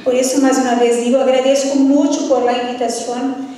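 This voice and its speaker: High-voiced Brazilian woman speaking portuñol, echoey hall. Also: little pitch movement, moderate pace, warm tone. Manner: mixes Spanish with Portuguese, portuñol. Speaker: trade union delegate. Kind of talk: formal greeting speech at a union event. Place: large echoey hall, heard from far off. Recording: echoey hall, distant, faint noise.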